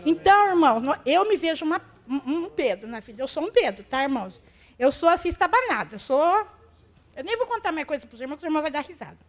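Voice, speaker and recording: A woman's voice: high voice, very animated, fast talker. A Brazilian woman giving an emotional, self-deprecating testimony to a church congregation. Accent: Brazilian Portuguese.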